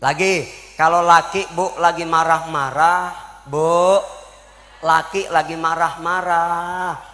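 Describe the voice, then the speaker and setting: Male preacher, high sharp voice, jokey and lively with the crowd, echoey mosque hall. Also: slow. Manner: joking, animated, asks the audience questions. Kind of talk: humorous sermon. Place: mosque gathering.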